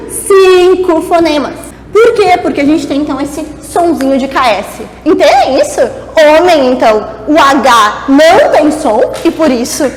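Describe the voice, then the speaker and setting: A woman teacher giving a classroom lesson, playful and chatty, asking herself rhetorical questions as she explains at a board. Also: high-pitched. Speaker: Portuguese teacher. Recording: echoey room with long reverb and faint noise.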